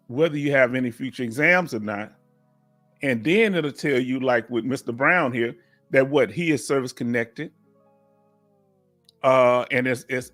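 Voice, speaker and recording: A man in his fifties with a medium-pitched, fairly bright voice hosts a casual live Q&A as a livestream host and veteran claims advisor. He talks in a loose, folksy way, repeats himself, and coaxes viewers to speak up and join in.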